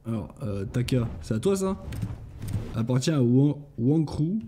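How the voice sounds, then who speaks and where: A man's voice: mid-range voice, animated, unhurried, warm tone, a little hiss or hum. A man hosting a gaming channel, chatting casually and thinking aloud as he plays, with jokey asides. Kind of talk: casual let's-play commentary.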